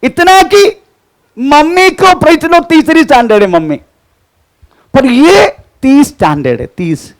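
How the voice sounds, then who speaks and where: Pastor guy preaching, high voice, slow, keeps repeating the reading back. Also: sing-song, poor audio. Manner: repeats the reader's lines, frequent "praise the Lord" and "haan" interjections. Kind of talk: sermon with Bible reading.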